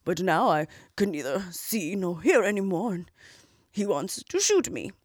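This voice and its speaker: A woman's voice: sing-song, unhurried, no room sound, studio quality. A woman voicing an old, loyal male hound who has grown blind and deaf, in a whispered storybook reading. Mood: mournful. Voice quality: whispery, higher-pitched.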